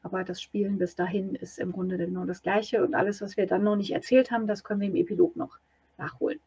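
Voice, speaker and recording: A woman's voice: mid-range voice, flat delivery, fast, warm tone, breathy edge. A woman at a tabletop game table, patiently explaining the rules to the other players.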